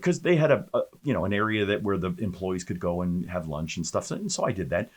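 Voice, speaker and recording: A male pastor recounts his personal testimony in a lively, storytelling manner. His pitch swings widely as he talks, and he often stumbles over fillers and restarts his sentences. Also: fast, slightly rough.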